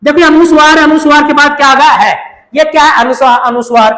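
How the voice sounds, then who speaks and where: A woman's voice: high-pitched, fairly even intonation, fast talker, a bit bright. A woman teaches a grammar class. She keeps asking questions and answering them herself, drilling each term again and again. The sound is echoey, as if recorded in a bare room. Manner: asks questions and answers them herself, repeating key terms.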